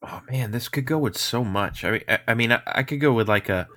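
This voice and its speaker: A man co-hosting a beer podcast, joking in casual chat, halting at times. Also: mid-range voice, sharp tone. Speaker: podcast co-host.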